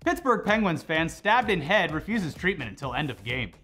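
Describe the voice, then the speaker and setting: Casting: young male co-host, high lively voice, bright, sarcastic rapid quips, music bed under. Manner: animated, sarcastic, quick jokes. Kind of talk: casual comedic news chat. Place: studio.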